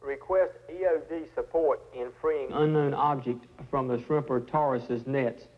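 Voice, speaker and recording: A man playing a coast guard radio operator, answering over a marine radio in crisp, formal radio procedure. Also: mid-range voice, steady tone, a little slow. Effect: marine radio transmission. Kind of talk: scripted radio call in a documentary. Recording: dull lo-fi radio sound.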